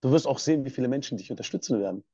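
A man from Swabia tells his own story as a podcast guest, quickly and with passion. His voice is dark and a little husky. The recording is dull and dry, with no room sound. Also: mid-range voice, animated, dry recording. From Swabia, Germany. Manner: passionate, emphatic. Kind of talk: personal storytelling.

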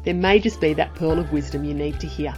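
A woman's voice: deep voice, a little fast, darkish tone, soft background music. A woman with an Australian accent hosting a casual podcast chat, effusive and enthusiastic. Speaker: podcast host.

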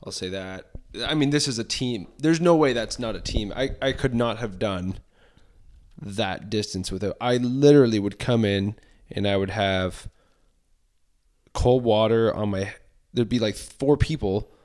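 A man's voice: on the low side, unhurried, a little mellow. A man hosting a podcast, recounting a race in a reflective, grateful way during casual chat. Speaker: podcast host, ultrarunner.

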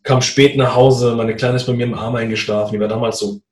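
A man in a casual conversation, telling a personal story in a lively way and acting out what people said. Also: medium pitch, a little fast, reverberant. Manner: animated, acts out quoted dialogue. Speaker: guest telling his story.

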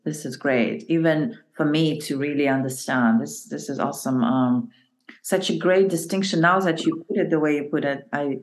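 A woman's voice: sits low, moderate pace. A woman hosting a podcast interview, chatty and encouraging, with many fillers as she talks. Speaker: podcast host. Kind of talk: casual interview conversation.

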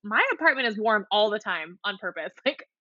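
A woman's voice: mid-range voice, animated, fairly quick, pushed and bright, no room sound. A woman in her thirties from Hawaii, a guest on a podcast, chatting casually from her home apartment over a call, full of "like" and the odd curse word. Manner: chatty, peppered with "like", casual swearing. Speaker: podcast guest, wedding photographer. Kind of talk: casual interview chat. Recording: dry, slightly dull lo-fi sound.

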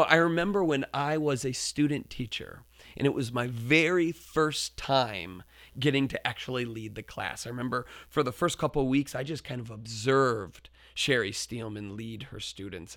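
This medium-pitched man, a teacher and podcast host, reflects earnestly through a classroom story and keeps restarting his phrases. At times he builds to loud, forceful quoted shouts, captured in studio quality with no room sound.

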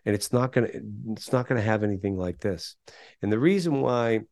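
A man's voice: on the low side, expressive, a little fast, darkish tone, dry recording. A middle-aged man, a guest on a podcast interview, speaking emphatically and firing off rhetorical questions. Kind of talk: conversational interview.

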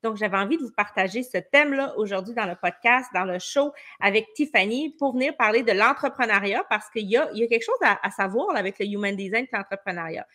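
A woman's voice: medium pitch, lively intonation, fast, hardly any pauses, sharp tone. A woman with a Quebec French accent hosts a podcast in an informal, conversational way, prompting her guest and putting things simply. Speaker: podcast host, business management coach.

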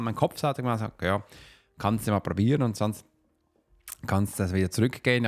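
A man's voice: on the low side, vocal fry. A man hosting a solo podcast, talking casually and encouragingly straight to the listener as a coach. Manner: informal, chatty and encouraging, addressing one listener familiarly.

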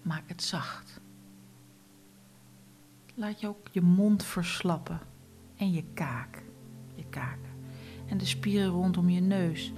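A woman guiding a relaxation meditation, speaking softly and often in a whisper. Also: lowish voice, faint music behind. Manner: slow, soft, often whispered instructions. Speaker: meditation guide.

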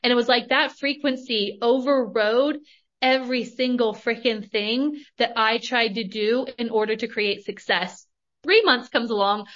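American woman host, candid storyteller, slightly higher pitch; dull lo-fi recording. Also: unhurried. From United States. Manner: candid, animated storytelling with casual swearing. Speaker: podcast host, money coach. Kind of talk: casual monologue.

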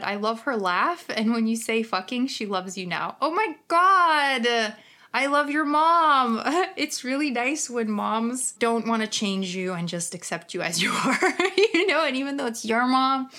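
A woman's voice: a little high, moderate pace, few pauses, a bit bright. A woman with a Ukrainian accent chatting informally as a skincare specialist on a live Q&A, blunt and happy to swear. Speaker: skincare specialist answering live stream questions. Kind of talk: casual live Q&A chat.

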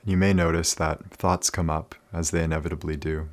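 Calm and soothing, this very deep male voice leads a guided meditation without hurrying, leaving plenty of pauses along the way.

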